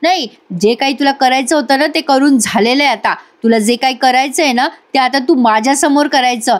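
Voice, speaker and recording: A woman's voice: high voice, fairly quick, lightly acted. A woman voicing an angry, suspicious young husband who needles his wife sarcastically. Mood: irritated. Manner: sarcastic, accusing.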